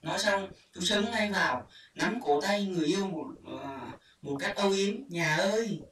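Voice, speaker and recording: A storyteller reading a short story aloud at a measured, deliberate pace. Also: mid-range voice, fairly bright tone. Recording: echoey room, far from mic, faint hiss.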